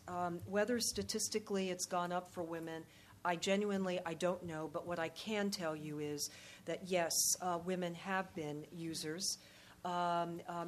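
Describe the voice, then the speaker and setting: A woman giving unscripted answers at a public question session in a halting, measured, diplomatic way. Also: on the low side, a little hiss or hum. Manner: halting, measured, diplomatic, frequent pauses and repeated words. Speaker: panel speaker, policy expert or diplomat.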